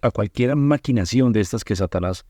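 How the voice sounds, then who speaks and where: Mellow-voiced pastor teaching scripture. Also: male voice, fairly low pitch, expressive, brisk, no echo, clean studio sound. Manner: explanatory, asks and answers own rhetorical questions. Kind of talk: bible study teaching.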